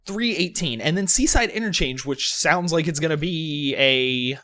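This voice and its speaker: Young male game commentator who rambles and second-guesses himself, bright, forceful tone. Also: on the high side, normal speed. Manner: rambling, self-questioning, occasional swearing. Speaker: gaming channel host. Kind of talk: rambling let's-play commentary.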